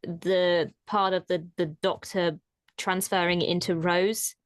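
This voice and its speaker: A woman co-hosting a casual fan chat show, chatty and quick to laugh, with hedging fillers. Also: lowish voice, level tone, dry recording. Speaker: podcast co-host.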